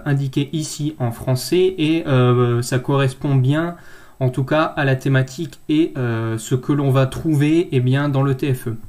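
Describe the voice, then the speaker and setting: A man's voice: mid-range voice, a little mellow. A man working as a nursing thesis tutor, correcting a student's abstract in an informal screen-share tutorial. He speaks directly to the viewer and hesitates often.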